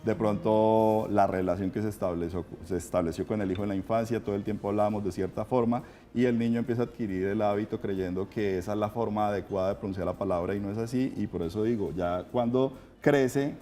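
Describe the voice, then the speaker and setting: Low, mellow-voiced man explaining diction. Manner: calm, measured, instructive. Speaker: voice coach guest on a morning show. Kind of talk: explanatory studio chat. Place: TV studio.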